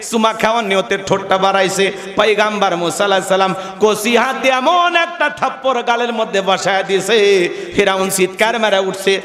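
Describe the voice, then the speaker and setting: A man's voice: high voice, bright, forceful tone. A man preaching a Bengali waz sermon at a large gathering, acting out characters and calling on the crowd to respond. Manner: dramatic, acts out characters in his storytelling; addresses the crowd directly and asks for responses. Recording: echoey venue with long reverb.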